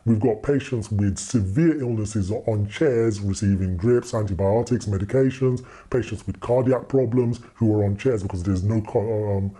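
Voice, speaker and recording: A hospital consultant giving an anonymous interview, his voice disguised to sound lower and dull, speaking in a measured, earnest way. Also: warm tone, husky. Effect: voice disguised, lowered and dulled.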